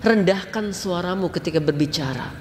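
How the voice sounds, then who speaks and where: Chatty Javanese-accented preacher in a hall. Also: male voice, sits high, normal speed. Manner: lively, chatty, mixes in local slang, addresses congregation directly. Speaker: Islamic preacher. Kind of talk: casual storytelling sermon. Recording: long hall reverb, faint noise.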